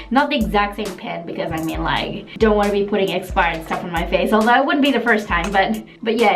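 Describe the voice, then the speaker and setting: A woman from Australia talks through a makeup tutorial in a chatty, self-deprecating way at a mid-range pitch. Clear background music plays under her voice the whole time. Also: a bit bright. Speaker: beauty vlogger. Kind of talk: casual makeup tutorial and reaction.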